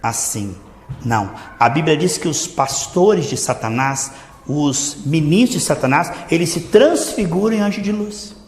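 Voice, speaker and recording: A man with a Brazilian Portuguese accent preaching a sermon in a church, fervent, swinging between loud emphasis and low asides. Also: lively intonation, unhurried, a little hiss or hum. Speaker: pastor. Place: church hall. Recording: echoey church hall reverb.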